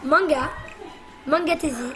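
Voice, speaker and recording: A woman's voice: high-pitched, measured pace, over music. A woman hosting a let's play, chatting casually and bossily teasing her co-player as she plays. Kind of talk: casual gameplay commentary.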